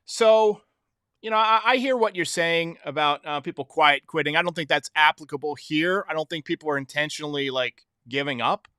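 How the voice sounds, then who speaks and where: A man hosting a sports show, giving casual opinion commentary in a conversational way, thinking out loud as he goes. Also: fairly high pitch, normal speed, smooth, dry recording, studio quality. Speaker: sports show host answering fan voicemails.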